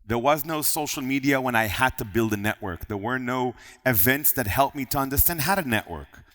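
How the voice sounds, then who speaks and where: A man's voice: mid-range voice, lively intonation, brisk, fairly bright tone. A man delivers a motivational keynote with earnest emphasis, piling up his points one after another. His mid-range voice rings out into a large hall with a long reverb tail behind every phrase. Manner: earnest, emphatic, building lists. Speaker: keynote speaker. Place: event hall on stage.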